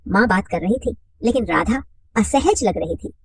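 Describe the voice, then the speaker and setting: A woman narrating a scripted story in an expressive reading voice, slightly husky. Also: medium pitch, normal speed, dry recording, distant mic.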